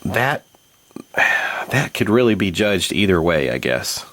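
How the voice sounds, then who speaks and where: A man hosting a tabletop board game playthrough, explaining the rules and thinking aloud about each move in a measured way. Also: low voice, sing-song, a bit bright. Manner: measured, thinks aloud while checking moves.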